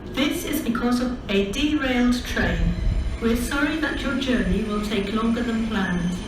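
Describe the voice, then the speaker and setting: A British woman making formal, measured train station announcements, reading out scripted details item by item. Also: a little high, lively intonation, recorded from a distance. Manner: formal, measured, listing stops one by one. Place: large railway station, over public address. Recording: echoey, noisy station tannoy heard from afar. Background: station ambience noise.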